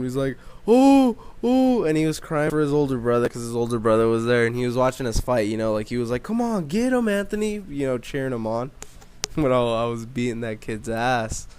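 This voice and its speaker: A young man with a smooth, clean-sounding voice tells a story. His delivery is casual and rambling, laced with swearing and constant fillers. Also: mid-range voice, a little mellow. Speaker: vlogger.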